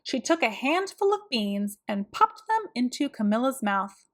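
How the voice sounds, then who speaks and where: A woman reads a children's story aloud in a high voice. Her pace is very slow, and her delivery is expressive, made for young listeners.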